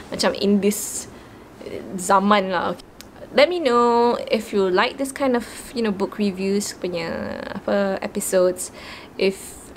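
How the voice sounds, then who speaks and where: This book vlogger is a young woman with a medium-pitched voice and a Malaysian English accent. She chats casually about books and drops Malay words into her English, with slight background noise behind her.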